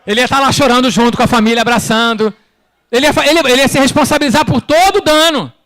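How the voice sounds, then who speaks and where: A man preaching a sermon in Brazilian Portuguese in church, firing rhetorical questions at the congregation and swinging between loud bursts and quiet asides. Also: very high voice, quick pace, no room sound, clean studio sound. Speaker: pastor.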